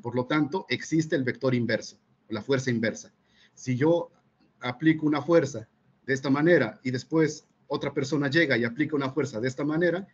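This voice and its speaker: Man, teacher presenting, measured with fillers, middle pitch, dull lo-fi sound. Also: breathy edge. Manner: measured, many fillers and checking questions. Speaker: physics teacher presenting at a seminar. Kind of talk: explanatory academic presentation.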